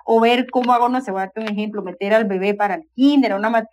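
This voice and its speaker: A woman's voice: fairly high pitch, fast, a little mellow, slight background noise. A woman with a Costa Rican accent hosting a talk show, asking long chatty questions with many restarts. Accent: Costa Rican Spanish. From Costa Rica. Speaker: host. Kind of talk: casual talk-show chat.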